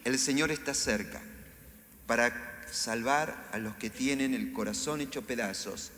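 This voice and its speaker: A man's voice: mid-range voice, a little slow, a bit bright, slight background noise. A middle-aged man with a Rioplatense Spanish accent preaching a sermon in a church, acting out quotes with sudden raised voices. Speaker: pastor. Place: church hall. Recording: echoey church hall, faint ambience.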